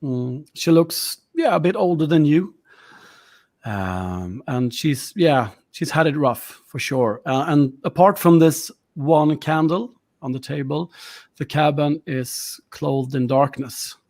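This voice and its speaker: A man's voice: on the high side, slow, darkish tone. A man with Swedish as his first language narrating a tabletop horror game as game master, rambling and searching for words.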